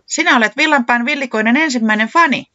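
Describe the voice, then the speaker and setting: A storyteller voicing a cheerful long-eared guitarist who shouts with glee. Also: high-pitched, dry recording, muffled recording, pitched above the performer's own voice. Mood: gleeful.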